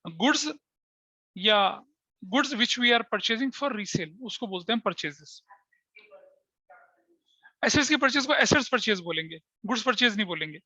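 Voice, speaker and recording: Bright-voiced man teaching accounting. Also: high-pitched, expressive, unhurried, long pauses, slightly rough, no echo, lo-fi sound. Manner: explains terms by asking the class and answering himself, mixing in English phrases. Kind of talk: classroom lecture.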